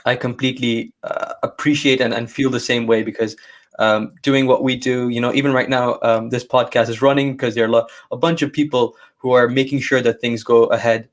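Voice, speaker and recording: A man's voice: medium pitch, steady tone, fairly quick. A man hosting a podcast, affirming his guest and talking through repeated restarts. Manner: affirming, rambling restarts, fillers like "like" and "you know". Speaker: podcast host. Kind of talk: conversational interview.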